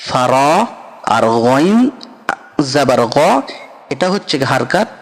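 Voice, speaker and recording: A man's voice: mid-range voice, animated, slow. A man teaching Quran reading step by step, patiently repeating syllables and often checking that his students understand. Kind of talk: step-by-step recitation lesson. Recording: long echoing reverb.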